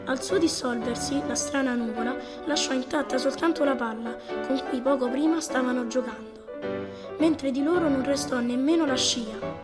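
Storybook: a reassuring young boy, read by a woman, high and calm, with long reverb. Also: moderate pace, lightly acted. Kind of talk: audiobook reading. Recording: reverberant audiobook over loud music.

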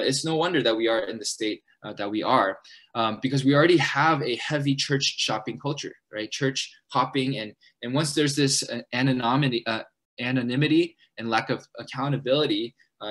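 Young man, college ministry leader, church seminar talk, hurried and earnest, frequent fillers and restarts, middle pitch. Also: fairly bright tone.

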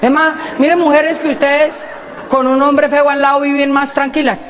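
A man with a Colombian accent doing stand-up comedy, acting out scenes and shouting his punchlines. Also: extremely high pitch, little pitch movement, moderate pace. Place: comedy stage before a live audience. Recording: dull live recording with audience noise.

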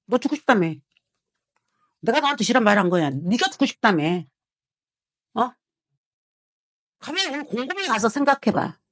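Husky woman fortune teller scolding harshly. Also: fairly high pitch, big pitch swings, moderate pace, long pauses, a bit bright, dry recording, studio quality. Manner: harsh scolding with swearing and repeated rhetorical prods. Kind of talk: heated consultation with a client.

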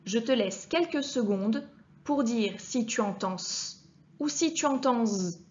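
A woman teacher giving a clear reading lesson to young children, speaking to the child directly and sounding out each letter with care. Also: on the high side, lively intonation, darkish tone, muffled recording. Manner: patient, addresses the child directly, deliberately articulated sounds. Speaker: primary school teacher.

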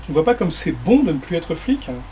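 A man's voice: fairly high pitch, big pitch swings, fairly quick, warm tone, a little hiss or hum, voice pushed up. A man reading the part of a playful, teasing retired policeman husband, at a bookshop reading. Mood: coaxing. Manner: teasing, bantering. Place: bookshop reading before an audience.

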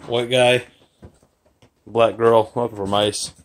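A man's voice: medium pitch, level tone, slow, a little hiss or hum. A man talking offhandedly while filming his garage and yard on his phone. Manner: offhand, rambling, with fillers. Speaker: vlogger. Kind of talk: casual walkthrough vlog. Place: garage and yard, partly outdoors. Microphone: phone held while filming.

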